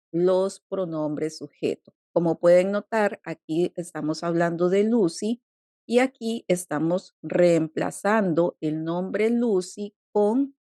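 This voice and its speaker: Woman teacher, slow and patient, warm mellow voice, lowish pitch, dry close sound. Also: dry recording. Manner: patient, deliberate explaining with repeated examples. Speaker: English teacher. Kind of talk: slow, clear grammar lesson.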